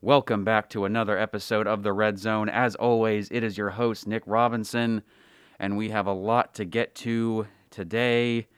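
A man's voice: on the low side, flat delivery, moderate pace, clear, resonant tone, dry recording, clean studio sound. A man hosting a college radio sports show, speaking in a formal announcer style.

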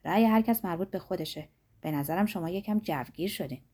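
A woman reading the lines of an earnest young male student who answers softly and insistently. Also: lowish voice, lightly acted. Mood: calm, placating.

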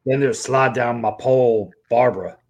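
A man's voice: medium pitch, normal speed, vocal fry, a little mellow. A man co-hosting a podcast, trading crude jokes in casual comedic banter. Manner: crude, playful, laughs easily. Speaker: podcast co-host.

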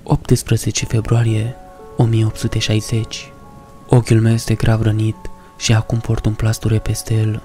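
A man's voice: fairly low pitch, warm tone. Man narrating a horror story somberly.

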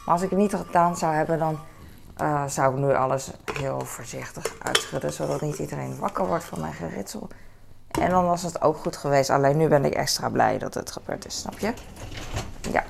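A woman, chatting in a rambling way with many fillers and self-corrections while handling objects. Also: low-pitched. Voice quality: very gravelly, creaky voice. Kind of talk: soft-spoken casual chat while handling objects. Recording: noisy room with clattering dishes.

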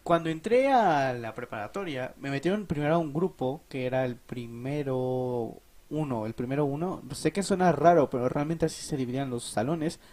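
For a podcast, a young man with a Mexican Spanish accent tells a casual, profanity-laced story about his school days, animated and laughing. His voice is mid-range and his speed normal.

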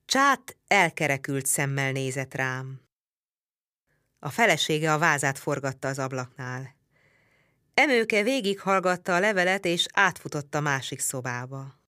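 Bright-voiced woman reading an audiobook. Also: sits low, animated, no echo, clean studio sound. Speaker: audiobook narrator. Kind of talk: audiobook reading of a historical novel.

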